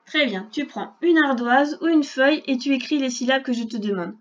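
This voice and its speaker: A woman teaching a reading lesson to young children, speaking slowly and clearly and spelling out sounds patiently. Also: high-pitched, muffled recording. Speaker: primary school teacher.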